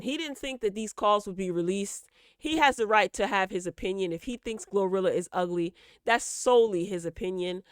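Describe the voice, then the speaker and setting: Her voice lowish and smooth, a woman host offers opinionated, casual gossip commentary. She's emphatic, addresses listeners directly, and repeats words to stress them. The studio-quality recording has no echo.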